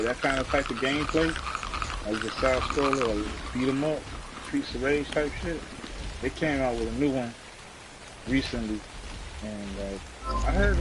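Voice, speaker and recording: Slangy young man chatting over gameplay. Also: mid-range voice. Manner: slangy, profane, rambling with frequent laughs. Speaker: gamer. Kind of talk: casual gameplay chat with a friend. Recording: steady rain-like background hiss.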